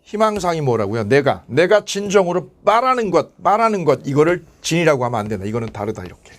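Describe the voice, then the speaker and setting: A man teaching an exam-prep law class, asking quick questions and answering them himself. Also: a little high. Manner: animated, asks and answers his own questions. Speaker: lecturer.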